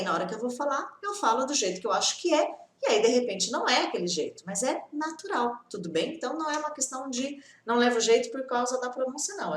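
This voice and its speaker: A woman's voice: a little high, reverberant. A woman from Brazil teaching English in a casual online lesson, chatty and reassuring, often asking "tudo bem?". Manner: chatty, repeats reassuring tag questions; acts out students' complaints in quick bursts.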